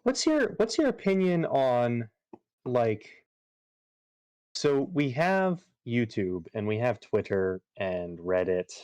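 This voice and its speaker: A man's voice: medium pitch, big pitch swings, slow pace, a little mellow, no echo. A man chatting casually on a livestream, rambling with lots of fillers and restarts. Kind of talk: casual chat while gaming on a livestream.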